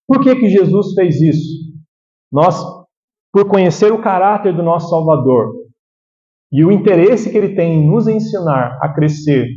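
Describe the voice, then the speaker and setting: A Brazilian pastor with a high but mellow voice preaches to his congregation. He keeps it conversational, often tagging his points with a quick question to the listeners. The recording sounds slightly dull and lo-fi. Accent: Brazilian Portuguese. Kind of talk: sermon.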